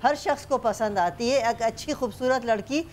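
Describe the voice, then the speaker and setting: A woman's voice: on the high side, darkish tone, a little hiss or hum. A woman on a talk show panel, telling casual anecdotes and chuckling now and then. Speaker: studio guest panelist. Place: TV studio.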